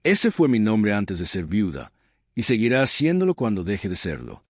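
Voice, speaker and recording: A man's voice: fairly low pitch, huge pitch swings, husky, no echo, studio quality, heavily acted. A man voicing a stern, proud widow. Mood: grave, commanding. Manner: slow, grave, measured.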